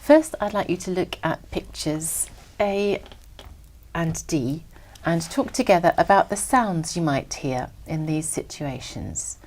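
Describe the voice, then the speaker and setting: A woman serves as an examiner and reads out scripted test instructions. Her voice sits a little low, and her delivery is formal and measured. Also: animated, darkish tone.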